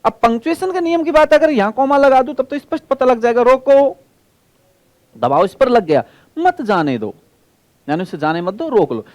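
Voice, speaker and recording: A man teaching an exam-prep class in a high voice that rises and falls a great deal. He keeps asking his students questions and repeats each point, and he slows right down on key terms. The sound is dry and close. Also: expressive, dry recording. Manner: stretches key terms out slowly.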